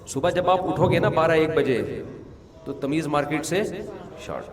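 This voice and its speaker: A man, a mufti answering questions in a conversational religious talk, mixing rulings with humorous anecdotes and checking that listeners follow. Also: fairly high pitch. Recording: long hall reverb.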